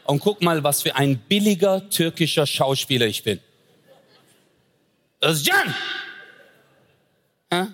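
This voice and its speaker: A man's voice: on the high side, lively intonation, moderate pace, few pauses. A man doing stand-up comedy, telling a story and acting out voices of family and objects.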